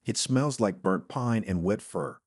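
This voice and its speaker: A man voicing a proud, cruel vampire woman with a sharp, cold, mocking manner in a dark fantasy audio story. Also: on the low side, expressive, unhurried, dry recording, clean studio sound. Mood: scornful.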